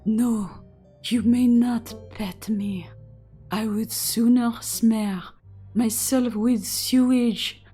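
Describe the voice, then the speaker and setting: A woman's voice: fairly high pitch, fairly even intonation, drawn-out words, dark tone, breathy edge, faint music behind, full character voice. A woman voicing a haughty, snobbish female cat with a put-on French accent, speaking with disdain. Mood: disdainful. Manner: disdainful, insulting.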